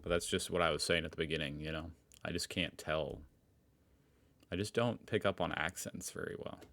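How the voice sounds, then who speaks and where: A man's voice: low voice, a little fast, a bit bright. An American man hosting a reaction video, commenting in a musing, conversational way. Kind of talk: casual commentary.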